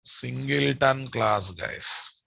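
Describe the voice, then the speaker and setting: Sharp, emphatic Telugu-accented man teaching. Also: mid-range voice, very slow, vocal fry, dry recording, low-quality recording. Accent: Telugu Indian. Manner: emphatic, repeats statements and quizzes listeners. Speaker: programming teacher. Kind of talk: live lecture to students.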